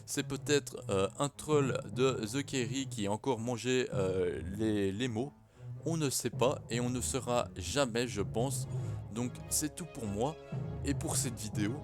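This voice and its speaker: A man's voice: medium pitch, unhurried, music in the background. A man talking casually to camera in a vlog, hesitant and full of filler sounds. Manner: hesitant, many "euh" fillers. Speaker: YouTuber.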